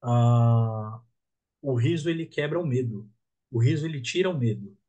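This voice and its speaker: Husky man musing aloud. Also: medium pitch, lively intonation, moderate pace, dark tone, dull audio. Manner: reflective, tags thoughts with 'né?'. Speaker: guest. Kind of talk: casual podcast conversation.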